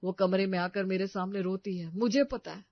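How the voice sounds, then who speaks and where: A woman's voice: medium pitch, normal speed, no room sound, close to an everyday voice. A woman voicing a stern young husband. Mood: resolved. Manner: firm and reproachful toward his mother. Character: young married son, protective of his wife. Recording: dull, slightly lo-fi dry recording.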